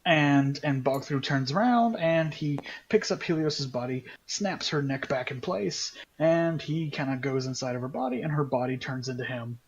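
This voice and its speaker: A man's voice: mid-range voice, moderate pace, hardly any pauses, dull audio, a little hiss or hum. A man narrating a tabletop game as dungeon master, hesitant and often restarting his sentences.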